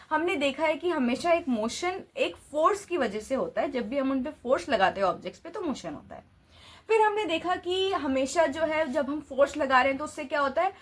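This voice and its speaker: Woman teacher, high voice, patient classroom explainer who poses questions and restarts phrases. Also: fairly bright tone. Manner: explains step by step with rhetorical questions; mixes English terms into Hindi. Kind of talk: classroom physics lesson.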